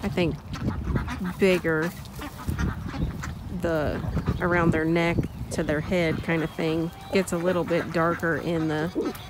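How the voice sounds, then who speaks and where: A woman narrates her farm vlog outdoors in a poultry pen, filming on a phone. She speaks slowly and unhurriedly in a lowish voice, with plenty of ums and restarts. Quacking ducks and clucking chickens come through clearly around her. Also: level tone, heavy background noise. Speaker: farm vlogger. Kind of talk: casual narration while filming.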